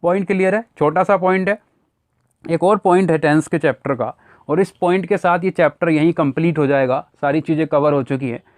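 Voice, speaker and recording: This English teacher's voice runs a bit high and a little fast, with no echo. Speaking Hindi sprinkled with Indian English words, he lectures his class on grammar one step at a time and tosses out rhetorical questions.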